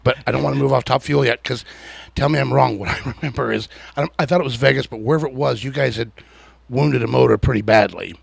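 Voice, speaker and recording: Gravelly man telling lively stories. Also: medium pitch, fast, dry recording. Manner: animated, laughs often while telling stories. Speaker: podcast host. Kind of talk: casual storytelling interview.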